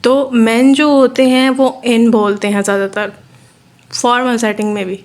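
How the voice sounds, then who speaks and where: A woman from Pakistan with a Pakistani accent, giving a steady, explanatory lecture and repeating her points. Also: on the high side, moderate pace. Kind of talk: explaining a lesson in Urdu mixed with English terms.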